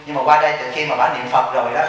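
A man's voice: mid-range voice, level tone, racing, fairly bright tone. A Buddhist monk with a Southern Vietnamese accent giving a storytelling Dharma talk, acting out both sides of the dialogues he recounts. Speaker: Buddhist monk and temple abbot. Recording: very echoey hall, distant mic, faint noise.

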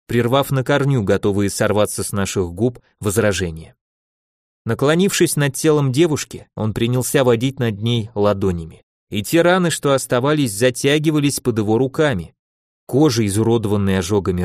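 A man narrating a first-person audiobook in a measured, steady reading. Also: medium pitch, dry recording, clean studio sound.

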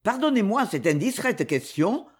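A man's voice: sits high, sing-song, moderate pace, breathy edge, heavily acted. A reader voicing a proud young male duke who earnestly pleads for a marriage, in an audiobook. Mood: pleading.

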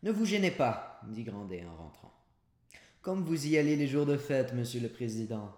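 A gruff old miser, master of his house, barking and teasing in a raised voice, as a man reads him. The voice sits low at heart but jumps up loud. The room rings with echo. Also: steady tone, normal speed, lightly acted. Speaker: former cooper. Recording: roomy echoey home recording.

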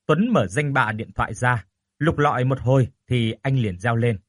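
A man's voice: mid-range voice, moderate pace, dry recording, clean studio sound. A man narrating a horror story expressively, rising on tense moments. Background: faint music.

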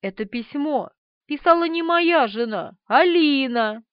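A woman's voice: sits high, animated, measured pace, no room sound, pitched above the performer's own voice. A woman voicing a meek, tearful middle-aged man who rambles, in an audiobook. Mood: rambling. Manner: weepy, rambling. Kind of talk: audiobook character voice. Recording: slightly dull, dry.

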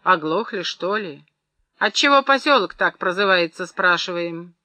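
A woman's voice: on the low side, lively intonation, moderate pace, pushed and bright, dry recording. A woman doing a stern, scornful male clerk. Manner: stern, raised voice.

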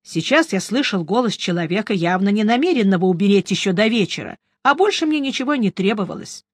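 An audiobook reader giving first-person scripted narration, in a lively, wry storytelling manner. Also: mid-range voice, fast, no echo.

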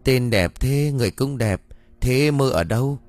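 A man's voice: mid-range voice, expressive, moderate pace, darkish tone, pitched above the performer's own voice, natural voice. A man voicing an eager, cheeky young village lad, in a read-aloud story. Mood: excited. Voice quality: eager, teasing, chatty.

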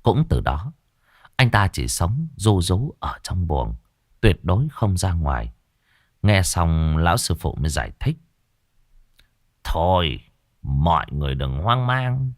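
A man narrating a ghost story in a dramatic, expressive storytelling manner. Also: low-pitched, measured pace, husky, dry recording, clean studio sound.

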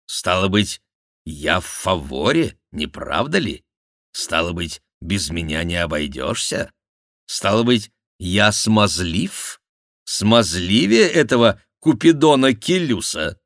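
A man reading an audiobook, voicing a cheeky, theatrical court jester with a high mocking voice. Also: big pitch swings, slow, no echo, clean studio sound, full character voice. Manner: mocking, shrill exclamations, mimicking. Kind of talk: audiobook character voice.

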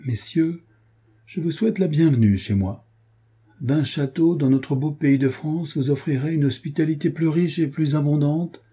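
A man's voice: fairly high pitch, normal speed, mellow, slightly rough, pitched above the performer's own voice. A man voicing a stately old count. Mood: welcoming. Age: older. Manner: formal, stately, hospitable. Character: old proud count, gracious, dignified host.

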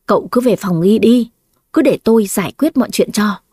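Woman reading as a calm young baker. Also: mid-range voice, fairly quick, slightly rough, no echo, clean studio sound. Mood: sympathetic. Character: young man, calm baker who took over the shop.

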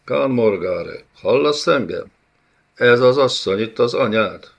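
A man playing a cruel, shouting bey. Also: medium pitch, animated, creaky, pitched above the performer's own voice. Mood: menacing, shouting. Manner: threatening, shouting demands. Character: cruel, impatient male bey interrogator.

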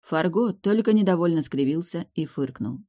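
A woman reading a first-person fantasy novel aloud as an audiobook narrator, in a steady, wry storytelling manner. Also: fairly low pitch, moderate pace.

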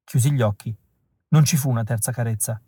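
A man narrating a literary audiobook in a calm, measured, reflective way. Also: medium pitch, husky, no room sound.

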